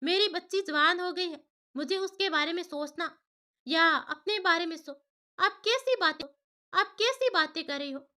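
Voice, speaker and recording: A woman's voice: extremely high pitch, normal speed, sharp tone. A woman voicing a proud widowed mother who answers with indignant, insistent protests. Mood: protesting.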